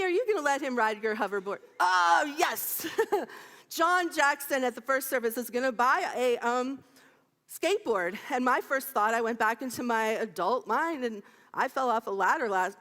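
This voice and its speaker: Playful high-voiced woman minister in her fifties. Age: 50s. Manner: animated and playful, laughing often, calling out to the congregation. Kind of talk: sermon. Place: church sanctuary. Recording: long reverb of a large sanctuary.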